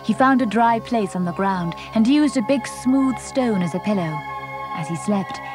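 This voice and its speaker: A woman narrating a children's Bible story in a simple, clear storytelling manner. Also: medium pitch, lively intonation, moderate pace, music in the background.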